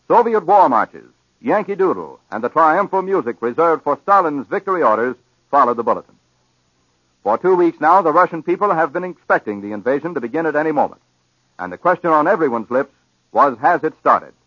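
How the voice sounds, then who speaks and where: An American man reading wartime news bulletins in a formal, measured 1940s radio newsreel manner, on an old broadcast recording. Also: a little high, a bit bright, no room sound, muffled recording. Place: radio news studio, dry sound.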